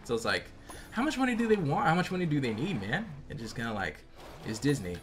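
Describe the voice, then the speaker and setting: Animated American man doing gameplay commentary. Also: mid-range voice, fast. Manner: animated, slangy. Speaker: gaming video host. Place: indoor room at home, facecam. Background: game music.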